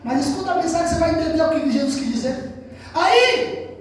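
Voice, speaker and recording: High-voiced Brazilian man preaching, echoey hall. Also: expressive, brisk, recorded from a distance, slight background noise. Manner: shouting, sing-song, joking. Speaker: pastor. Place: large church hall.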